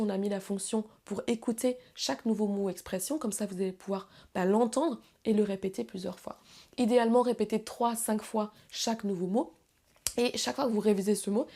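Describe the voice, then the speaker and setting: Woman, online English teacher, slightly high voice, gravelly, patient explanations. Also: dark tone. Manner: explanatory, repeats English phrases slowly. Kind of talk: online language lesson.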